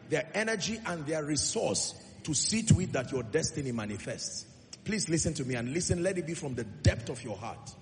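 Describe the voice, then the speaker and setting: A man preaching a sermon, emphatic, building through repeated phrases and dropping to a low earnest tone. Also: vocal fry, slight background noise. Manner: emphatic, rising repetitions, shifts between loud exhortation and low earnest tone. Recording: long hall reverb with faint music.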